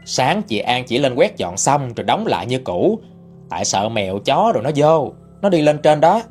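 A man's voice: medium pitch, big pitch swings, moderate pace, a little mellow, faint music behind. A man retelling a ghost story in a chatty, conversational way. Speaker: narrator.

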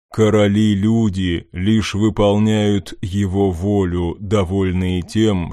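A man voicing an ancient male god of darkness with a deep, rumbling, drawling voice, speaking in slow, measured pronouncements. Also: dark tone, no room sound, studio quality. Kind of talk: audiobook character voice.

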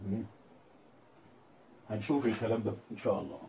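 Speaking quickly in a low, gravelly yet mellow voice, an Egyptian Arabic–accented man walks through a religious lesson about Quran readings and script, step by step, reciting verses as he quotes them. There's slight background noise, and his voice comes from afar in a room with echo.

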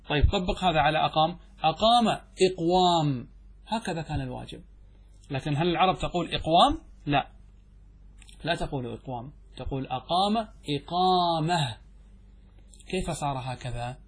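A man teaching Arabic grammar as a sheikh in a classroom lecture, explaining step by step, asking students questions and answering them himself, and reading quoted lines slowly. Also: on the high side, husky. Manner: reads quotations from the text slowly and deliberately.

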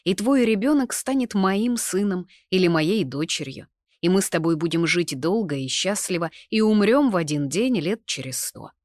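A woman reading the lines of a lively, stubborn young man in an audiobook, arguing in a brisk way. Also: on the low side, no echo, clean studio sound, pitched above the performer's own voice, natural voice. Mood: cheerful.

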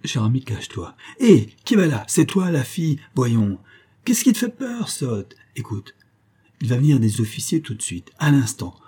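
A man's voice: mid-range voice, lively intonation, moderate pace, hardly any pauses, mellow, husky. A man voicing a flustered, sleepy country landowner in a storybook reading, blustering in panicky outbursts. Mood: bossy.

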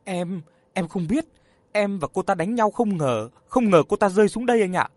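A male narrator voicing a panicked young woman who stammers and cries out in a high, frantic voice. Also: lively intonation, normal speed, darkish tone, no echo. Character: panicked young woman, a working-class mistress.

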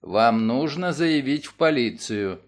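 A man voicing a calm, terse middle-aged lawyer, asking short clipped questions in a lower, level voice for an audiobook. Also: slow pace. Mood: curt.

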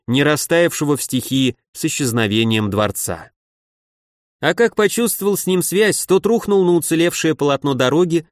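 A man's voice: on the high side, no room sound. Man narrating an audiobook, dry and close. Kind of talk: first-person audiobook narration.

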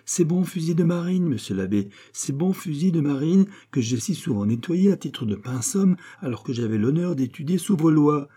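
A man's voice: fairly high pitch, animated, moderate pace, few pauses, warm tone, slightly rough, pitched above the performer's own voice. A man voicing a naive, sly young village man who pleads in a mock-polite, wheedling way.

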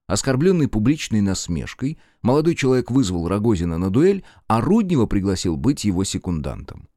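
A man narrating an audiobook with expressive storytelling. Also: lowish voice, brisk, dry recording, clean studio sound.

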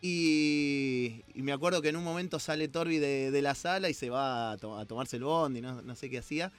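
A man with a Rioplatense Spanish accent and a clear, resonant, medium-pitched voice speaks at a normal speed over soft background music. As a guest musician in a casual interview, he tells stories about his band and adds joking asides.

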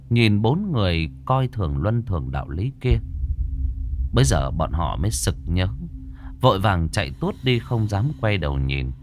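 Low-voiced, dramatic ghost story narrator, a man. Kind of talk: scripted horror story narration.

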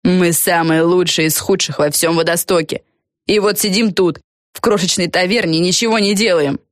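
A woman's voice: deep voice, steady tone, moderate pace, no room sound, studio quality, close to an everyday voice. A woman voicing a proud, hot-tempered young witch in an audiobook, hissing and snappish. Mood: fired up. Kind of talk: audiobook character voice.

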